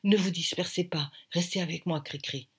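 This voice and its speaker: A woman's voice: lowish voice, normal speed, breathy edge. A woman voicing a nervous, clingy male film actor with a sarcastic streak. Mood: anxious.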